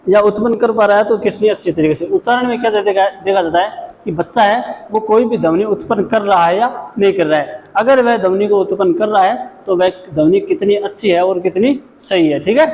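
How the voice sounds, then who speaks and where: Male lecturer, high voice, repeats each point; echoey room, faint hiss. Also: a little mellow. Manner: explains then repeats each point, frequent "ठीक है". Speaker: special education lecturer. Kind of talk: classroom lecture.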